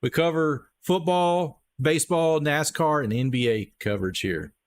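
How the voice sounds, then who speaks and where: This streamer speaks at a normal speed in a slightly high voice with a Texas accent. He's doing relaxed, upbeat live play-by-play, chatting directly with his viewers and calling out messages from chat.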